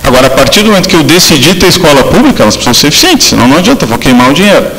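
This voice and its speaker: A man's voice: on the high side, big pitch swings, very fast, fairly bright tone, in a large hall, low-quality recording. A man from southern Brazil giving an academic law lecture, speaking with frequent fillers and restarts. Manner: hesitant, many fillers and restarts.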